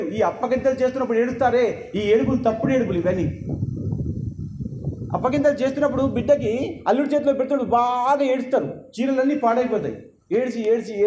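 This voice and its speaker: A man's voice: extremely high pitch, background noise. A man giving a religious sermon who lectures emphatically and asks his listeners rhetorical questions. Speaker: religious discourse speaker. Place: temple hall. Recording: echoey hall with faint ambience.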